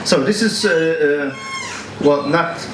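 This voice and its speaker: A man from Poland moderating a culture panel in English, with many fillers and a halting delivery. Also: fairly high pitch. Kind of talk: hesitant spoken English at a panel. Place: event hall with audience. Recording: echoey hall, distant mic, noisy.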